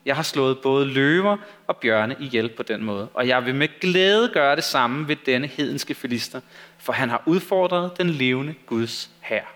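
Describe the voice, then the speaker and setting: A man's voice: medium pitch, lively intonation, a bit bright, pitched below the performer's own voice, close to an everyday voice. Man doing a confident young shepherd hero.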